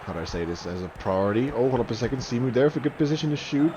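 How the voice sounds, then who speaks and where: Talking very fast in an animated, mid-range voice, a young man provides chatty commentary on a live online match, complete with fillers and restarts and sharp rises on goals and saves. The audio has the highs cut off and a noisy background.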